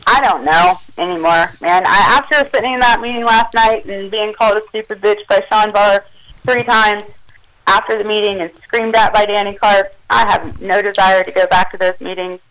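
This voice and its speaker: A woman calls in to recount an incident, giving an emotional, agitated first-person account of a confrontation and acting out the quoted lines. Her mid-range voice is steady, slightly bright and moderately paced, on a rough recording.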